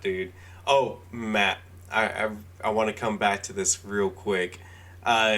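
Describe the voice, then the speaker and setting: A man's voice: fairly low pitch, a bit bright. Laid-back young man, casual chat. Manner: loose, laughing, lots of "like". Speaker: podcast co-host.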